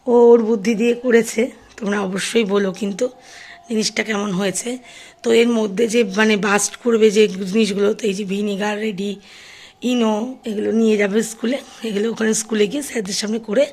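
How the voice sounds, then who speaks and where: Hoarse mom in her 30s doing a daily vlog, kinda high voice, chatty with her viewers. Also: a little mellow. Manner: chatty, addresses viewers directly. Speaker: vlogger and mother. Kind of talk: casual daily vlog narration.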